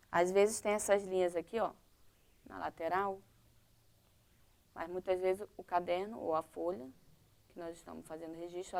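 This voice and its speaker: A woman's voice: mid-range voice, vocal fry, darkish tone. A woman teacher with a Brazilian Portuguese accent, explaining a primary-school lesson step by step and checking in with "tá?" and "ok?".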